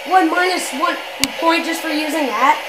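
Over loud video game music, a woman with a high-pitched voice rambles casually about the game she's playing for her video, speaking at a normal speed. She frequently breaks off and corrects herself mid-sentence, and the audio is poor.

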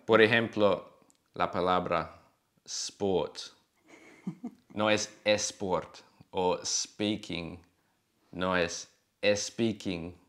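A man's voice: low voice, steady tone, extremely slow, pauses often, a bit bright. A man patiently explaining pronunciation differences in a casual chat. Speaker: co-host correcting pronunciation.

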